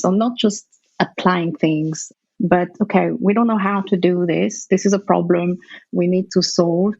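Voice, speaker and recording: A middle-aged woman from Algeria speaks in a low, gravelly voice, answering interview questions thoughtfully and sometimes restarting a phrase mid-thought. The audio is dull and lo-fi, with a dry, close sound. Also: darkish tone, no echo. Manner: thoughtful, searching for words, restarts. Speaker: guest researcher.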